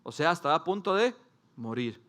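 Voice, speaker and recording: A male pastor delivers a sermon before a congregation in a fairly high-pitched voice. He speaks in short, emphatic phrases with dramatic pauses, and at times builds into animated storytelling. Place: church service before a congregation.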